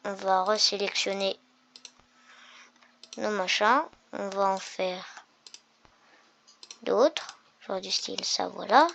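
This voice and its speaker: A woman hosts a gaming video, casually trying things out and thinking aloud with fillers over game music. Her medium-pitched voice is steady, slow, creaky and a bit bright, with long pauses and a little hiss or hum.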